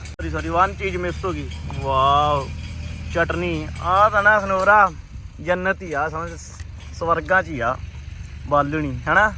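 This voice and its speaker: A young Punjabi-accented vlogger chats casually and expressively while filming farm work outdoors, teasing and repeating his phrases. His voice is fairly high, a little slow and sharp in tone, and the recording is noisy with engine hum.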